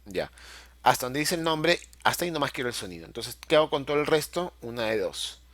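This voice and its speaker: A man's voice: medium pitch, big pitch swings, a little fast, a bit bright, no echo. A middle-aged man teaching a video-editing class, patiently explaining each step and checking in often with his students. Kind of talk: screen-recorded software tutorial.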